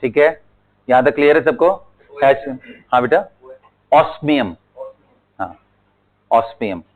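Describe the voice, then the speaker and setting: A male chemistry teacher leads an online lesson, speaking at a slow, deliberate pace. He drills names again and again for his students, addressing them fondly. The audio is narrow and tinny, like a phone line. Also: medium pitch. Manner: mixes Hindi with English terms, calls students beta.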